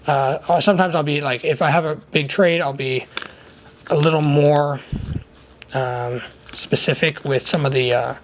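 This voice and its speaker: A man's voice: a little high, steady tone, a little slow. A man with a slight lisp from wearing a retainer, giving a casual, off-the-cuff hands-on tutorial. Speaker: trading card hobbyist giving a how-to. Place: indoor room at a desk. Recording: noticeable background noise, handling clicks.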